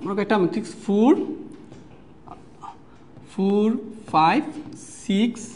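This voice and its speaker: A woman's voice: medium pitch, a little mellow, slight background noise. A woman with a Bangladeshi Bengali accent teaching an online math lecture. She asks the students questions, answers them herself, and keeps checking that they follow. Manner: dictates notes slowly and repeats key terms.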